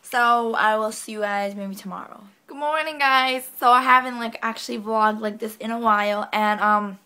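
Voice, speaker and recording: Teen girl vlogger, casual rambling chat, slightly high voice. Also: moderate pace, pushed and bright. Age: teens. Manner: chatty, rambling with many "like" fillers. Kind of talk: casual daily vlog.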